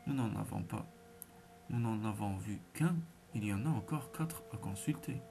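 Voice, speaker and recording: A man's voice: fairly low pitch, normal speed, vocal fry, mellow, soft background music. A man voicing an anxious poor male brahmin who pleads urgently. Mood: pleading. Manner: urgent, imploring.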